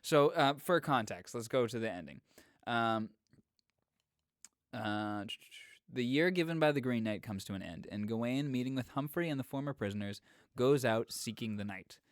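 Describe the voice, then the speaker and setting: A man's voice: medium pitch, lively intonation, normal speed, dry recording, studio quality. A man co-hosting a podcast, casually retelling a film's plot, chatty and laughing, with lots of filler words. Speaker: podcast co-host.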